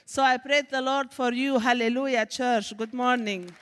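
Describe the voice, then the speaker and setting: A Syrian woman, a native Arabic speaker with a Syrian Arabic accent, is the guest speaker giving her testimony to a church congregation in the sanctuary. Her voice sits on the high side with a steady tone and moderate pace, warm and preacherly, rising into emphatic exclamations. The hall is echoey, and some chatter can be heard in the background.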